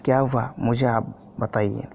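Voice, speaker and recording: A man's voice: medium pitch, fairly even intonation, measured pace, vocal fry. A man reading the part of a timid young woman, a reluctant bride-to-be who speaks hesitantly. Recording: dull lo-fi recording, faint hiss.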